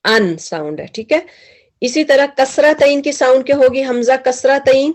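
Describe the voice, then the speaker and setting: A woman teaching a tajweed class, drilling students slowly with repeated questions and mixing English words into her speech. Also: sits high, flat delivery, a little mellow. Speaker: Quran recitation teacher.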